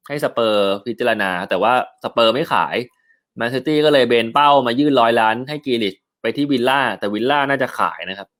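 A man's voice: medium pitch, fast talker, fairly bright tone, clean tone. A man hosting a casual football news chat, talking loosely with frequent filler sounds and answering viewer comments. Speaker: football news show host.

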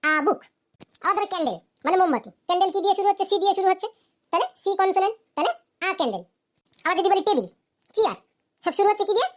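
High-voiced woman teacher, quick and questioning. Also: big pitch swings. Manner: asks questions and answers them, slow deliberate English examples. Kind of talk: cartoon grammar lesson.

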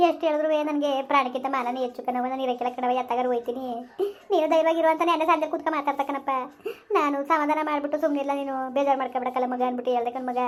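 A woman's voice: high-pitched, close to an everyday voice. A woman playing a village mother who wails over her runaway son, with a rural Kannada dialect, in a comedy skit. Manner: wailing, lamenting, cursing.

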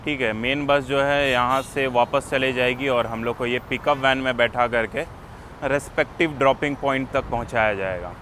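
A man narrating a casual travel vlog, chatting informally about his trip as it goes along, on a bus and by the roadside of a highway. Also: fairly even intonation, moderate pace, fairly bright tone. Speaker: travel vlogger. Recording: traffic noise around the voice.

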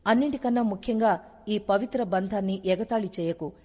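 This is a woman reading the lines of a young wife who pleads with her husband. She is earnest and sits at a middle pitch. A long reverb tail hangs after every phrase. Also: brisk, warm tone, lightly acted. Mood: pleading.

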